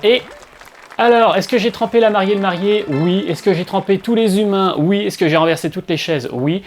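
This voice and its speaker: A man's voice: sits high, fairly quick. A man hosting a video game show, giving a playful, chatty gameplay commentary voice-over and talking straight to his viewers. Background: soft game music.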